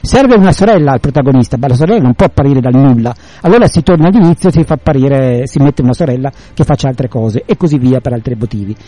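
A man's voice: mid-range voice, animated, fast, few pauses, mellow, dry recording. A man in casual conversation retelling and explaining a classic novel, rambling with many restarts.

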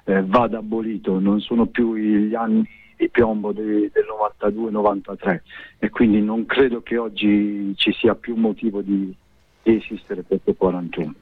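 Man on a thin phone line, halting. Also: fairly low pitch, fairly even intonation, slightly rough, dry recording. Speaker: interview guest, musician. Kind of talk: spontaneous radio interview.

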